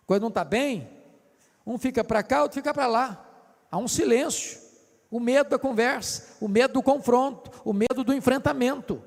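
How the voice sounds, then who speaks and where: Older man, Brazilian Portuguese accent, pastor preaching, high-pitched, long hall echo, shouts then drops soft. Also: moderate pace, vocal fry. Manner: impassioned, swings from shouting to soft. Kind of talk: sermon. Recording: hall reverb.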